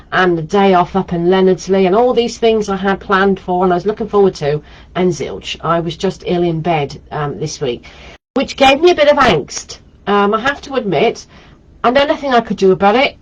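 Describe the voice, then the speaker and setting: A holistic therapist hosts her weekly live video from home, chatting in a rambling, meandering way with lots of ums. Her mid-range voice sounds nasal and congested from a head cold, and the recording is muffled.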